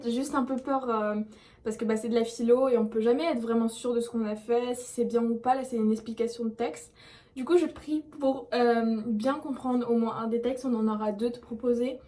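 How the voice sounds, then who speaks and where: A woman's voice: on the high side, warm tone. A young woman in her late teens from France, chatting casually and gushingly at home in a vlog, full of fillers. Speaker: vlogger. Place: at home indoors.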